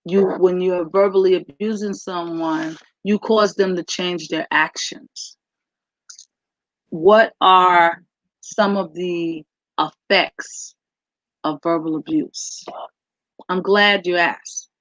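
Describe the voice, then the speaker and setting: A woman giving an instructive talk at a virtual event, deliberate and repeating phrases for emphasis. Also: on the low side, fairly even intonation, fairly bright tone, no echo, poor audio.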